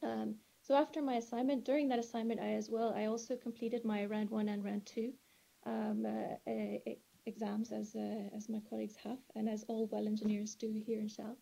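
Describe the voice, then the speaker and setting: A woman's voice: a little high, level tone, moderate pace, creaky, mellow. A woman in her thirties from Venezuela, an engineering manager introducing herself over a video call with a hesitant, filler-heavy delivery. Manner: hesitant, many fillers and restarts. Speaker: wells engineering manager presenting remotely. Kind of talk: remote webinar self-introduction. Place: indoors, on a rainy evening. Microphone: video call link.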